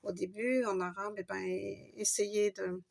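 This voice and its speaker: A woman's voice: mid-range voice, fairly even intonation, unhurried, gravelly, darkish tone. A woman giving a patient, step-by-step Arabic reading lesson, spelling out letters and stretching long vowels. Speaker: Arabic teacher.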